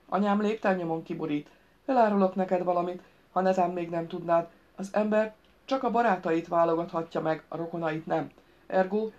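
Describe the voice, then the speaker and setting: A woman voicing a patient, wry woman of thirty in an audiobook, calm and explaining. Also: on the low side, lo-fi sound, lightly acted.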